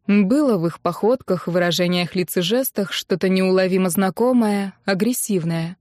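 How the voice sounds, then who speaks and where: A woman's voice: mid-range voice, normal speed, darkish tone, no room sound, clean studio sound. Woman narrating an audiobook. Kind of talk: scripted narration.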